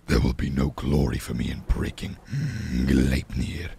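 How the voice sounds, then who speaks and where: Giant cocky wolf, super deep and gravelly, slow growly drawn-out words. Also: male voice, fairly even intonation, mellow, exaggerated voice. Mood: scornful. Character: huge proud male wolf, suspicious and boastful.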